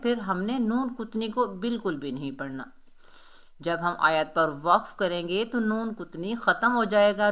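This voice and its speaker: This woman's lowish voice is bright and forceful as she gives a slow, step-by-step lesson on Quran recitation rules. She corrects common mistakes with patience, drawing out model syllables and repeating each several times.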